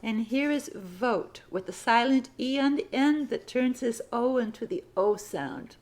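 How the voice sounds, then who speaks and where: A woman's voice: on the high side, unhurried, darkish tone. A woman teaching a citizenship writing lesson, patiently dictating sentences and spelling words out letter by letter.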